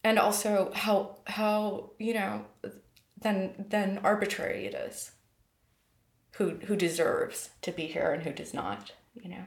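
An American woman in her thirties, a poet, reflects on her life in a personal interview, speaking thoughtfully and hesitantly and often restarting sentences. Her voice is medium-pitched with fairly even intonation and a slow pace, recorded in an echoey room.

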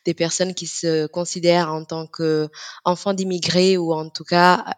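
A woman's voice: lowish voice, level tone, normal speed. A woman, explaining her ideas at length as a podcast guest, with frequent fillers. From Italy. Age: 20s. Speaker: guest, strategy consultant and coach. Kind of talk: casual podcast conversation.

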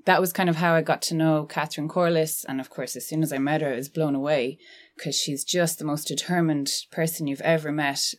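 Irish woman from the west, galway accent, low voice, chatting thoughtfully in an interview. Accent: west of Ireland. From County Galway, Ireland. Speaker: documentary filmmaker, interview guest. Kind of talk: casual podcast interview.

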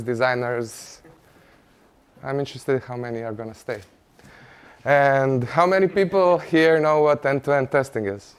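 A man presents a technical talk on a conference stage. His voice is smooth and clear, sitting at an ordinary middle pitch. He speaks conversationally, with light humor and frequent "uh" fillers. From Croatia. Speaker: conference speaker, engineering manager. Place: conference stage before an audience.

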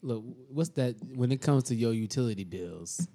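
Animated man telling a story. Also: mid-range voice, normal speed. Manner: animated, dramatic storyteller acting out both sides. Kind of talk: casual storytelling chat.

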